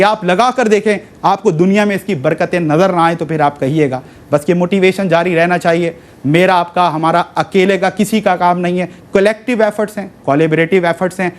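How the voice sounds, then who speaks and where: A man's voice: high-pitched, fairly quick. Earnest male telethon host. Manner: earnest, religious phrases, mixes in English. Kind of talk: charity appeal.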